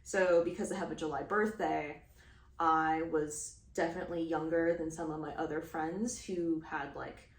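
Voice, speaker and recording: A woman's voice: low voice, steady tone, normal speed, echoey room, far from the mic. A woman of thirty from Houston, chatting casually in a rambling way, full of fillers and small laughs. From Houston, Texas. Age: 30s. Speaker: crochet vlogger. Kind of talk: casual chat.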